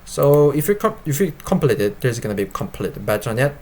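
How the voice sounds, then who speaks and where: A man speaking non-native English, informally explaining and demonstrating his software in a halting way, often repeating and rephrasing himself. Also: mid-range voice, big pitch swings, husky. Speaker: developer presenting his web app. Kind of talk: informal product demo and explanation.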